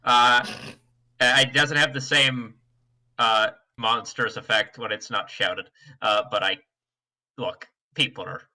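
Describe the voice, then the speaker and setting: A man chatting casually as a tabletop game player, halting and colloquial, with some swearing. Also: medium pitch, steady tone, bright, forceful tone, low-quality recording. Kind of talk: casual chat during a game.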